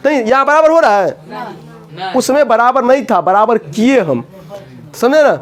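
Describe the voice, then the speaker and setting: A man teaching a coaching class, often asking students questions and repeating the answers. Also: very high-pitched.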